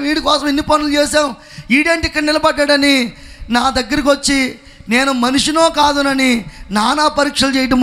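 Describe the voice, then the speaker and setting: A man's voice: extremely high pitch, bright, forceful tone. A man with a Telugu accent giving a fervent testimony sermon, calling out praise and acting out the dialogue himself. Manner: fervent, calls out hallelujah and praise, acts out dialogue.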